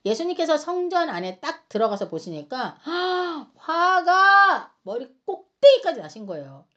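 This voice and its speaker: A woman teaching a Bible study lesson in an animated, chatty storytelling manner, acting out quotes and speaking to her listeners in asides. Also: high voice, moderate pace, highs cut off.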